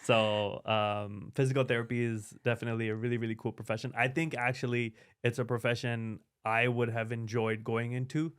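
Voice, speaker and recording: Smooth-voiced male podcast host. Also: mid-range voice, level tone, brisk, few pauses. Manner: hesitant, restarts questions. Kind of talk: casual interview chat.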